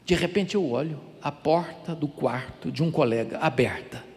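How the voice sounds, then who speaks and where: A man in his sixties with a Brazilian accent, preaching a sermon in a church with animated storytelling and emphatic, building delivery. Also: fairly high pitch, normal speed. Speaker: pastor. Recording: long church reverb.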